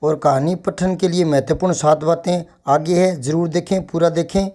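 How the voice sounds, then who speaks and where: A man reading a formal, scripted voice-over in a measured way. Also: on the high side, fairly even intonation, warm tone.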